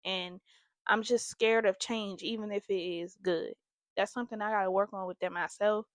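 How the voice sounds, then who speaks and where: A woman's voice: mid-range voice, fairly even intonation, normal speed, dry recording, studio quality. A young woman hosting a candid, confessional vlog, talking earnestly and emotionally straight to her viewers. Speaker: host.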